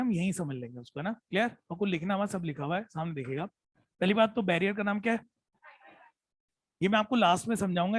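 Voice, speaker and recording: A man teaching biology in an online class, mixing Hindi with English terms, dictating notes slowly and repeating each phrase, often checking in with "hai na?". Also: high voice, dry recording. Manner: mixes Hindi with English terms, calls students "beta".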